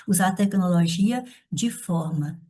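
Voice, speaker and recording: A woman teacher with a mellow, slightly husky voice, explaining an essay step by step as she writes it out by hand. She is middle-aged and speaks straight to her students, checking they follow along. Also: fairly low pitch, unhurried. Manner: talks directly to the viewer, checking with "certo?". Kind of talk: essay-writing lesson.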